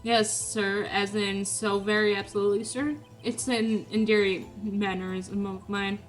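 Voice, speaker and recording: A woman's voice: mid-range voice, flat delivery, a little slow, faint music behind, lightly acted. A woman voicing a prim, fussy male hotel bellboy on the witness stand, formal and adding "sir" to his lines.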